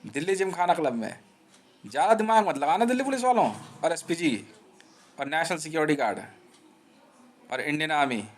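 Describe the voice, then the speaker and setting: A man with a fairly high voice talks on and on in a rambling live monologue. He jabs at his listeners with taunting slang. He keeps circling back and repeating himself. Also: sing-song, fairly quick, long pauses. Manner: restless, repeats himself and restarts. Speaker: live streamer.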